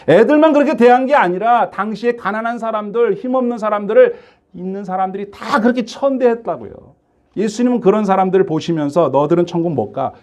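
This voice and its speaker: A middle-aged male pastor giving a conversational sermon, asking the congregation questions and acting out quoted speech. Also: high voice. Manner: acts out quoted speech with sudden shifts in loudness.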